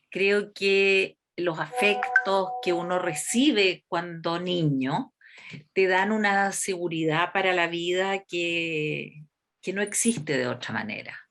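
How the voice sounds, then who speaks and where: Slow, measured Chilean woman. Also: fairly low pitch, fairly bright tone. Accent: Chilean Spanish. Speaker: interviewee, constitutional delegate. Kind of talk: reflective interview talk.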